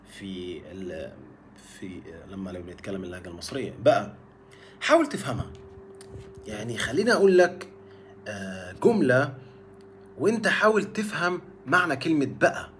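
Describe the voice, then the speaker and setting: A man with an Egyptian Arabic accent teaches in a casual, lively way, repeating and stretching words for emphasis. His voice sits in a medium pitch. Faint noise hums behind him. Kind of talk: casual spoken lesson to camera.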